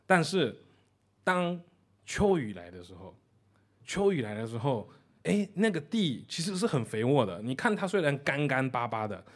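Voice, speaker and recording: Male preacher, conversational, repeats points, animated pitch. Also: moderate pace. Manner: conversational, repeats key phrases, tells jokes.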